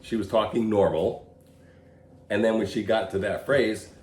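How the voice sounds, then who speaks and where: A man's voice: fairly low pitch, fairly even intonation, normal speed, darkish tone. A man co-hosting a podcast in casual political chat, blunt and opinionated, chuckling often. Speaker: podcast co-host. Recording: roomy echo, faint background hum.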